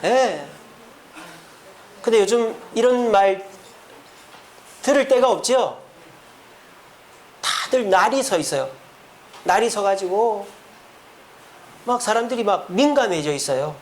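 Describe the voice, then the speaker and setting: Pastor, male, high and animated delivery, faint room noise, lively sermon to the congregation. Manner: lively preaching with rhetorical questions to the congregation. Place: church sanctuary.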